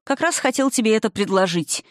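A man's voice: high-pitched, animated, brisk, no room sound, clean studio sound, voice pushed up. A reader voicing a young male silver dragon, irritable and gloomy, who talks in a sarcastic, snapping way in an audiobook. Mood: irritated. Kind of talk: audiobook character reading.

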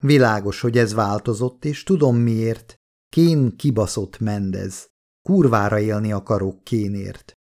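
A man narrating an audiobook in the first person, with a steady, measured reading. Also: lowish voice.

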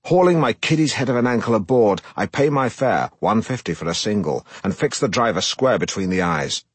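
Deadpan man narrating a comic audiobook. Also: on the low side, fairly quick, slightly rough, no echo. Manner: deadpan, self-important storytelling.

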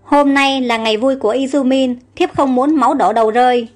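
A woman voicing a gentle queen who softly pleads for mercy. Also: sits high, fairly quick, soft background music, close to an everyday voice. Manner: soft, pleading with her husband.

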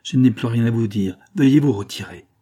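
A man reading a proud young woman, speaking harshly and curtly, in a low, husky voice. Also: normal speed. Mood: indignant. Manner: sharp and cold, then softening. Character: proud young widow, wounded and stern.

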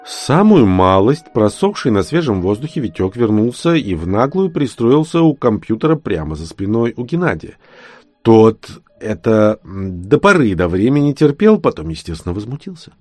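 A man reading a thriller audiobook aloud with ironic, lively storytelling. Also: lowish voice, normal speed, dry recording. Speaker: audiobook narrator. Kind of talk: scripted narration.

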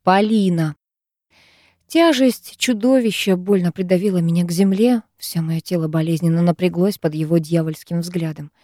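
A woman reading a first-person story as an audiobook narrator in an even, intimate way. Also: on the low side, normal speed, no echo, studio quality.

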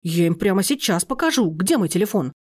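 A woman reading aloud and voicing a domineering middle-aged aunt who bursts into shrill, indignant outbursts. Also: expressive, fairly quick, darkish tone, husky.

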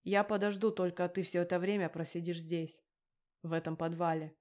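A menacing gangster man from an audiobook, put on by a woman narrator. He talks down to everyone with a mocking, threatening edge. The voice sits slightly low. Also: flat delivery, moderate pace, a little mellow, lightly acted. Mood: cold threatening. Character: menacing male gangster lender, cold and crude. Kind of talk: audiobook character reading.

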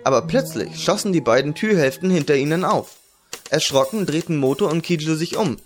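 A man narrating a fantasy audiobook in a measured, even reading. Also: on the high side, faint music behind.

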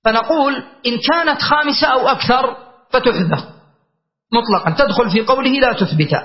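A man teaching a classical grammar lesson, explaining patiently and checking in with his students. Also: very high-pitched. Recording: dull lo-fi recording.

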